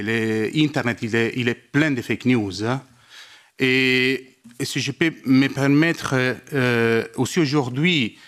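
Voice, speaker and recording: A man from Italy with an Italian accent, speaking a non-native language haltingly as he addresses a seminar from the audience, often searching for words. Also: medium pitch, a bit bright. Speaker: lobbyist asking a question from the audience. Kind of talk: spontaneous public question at a seminar.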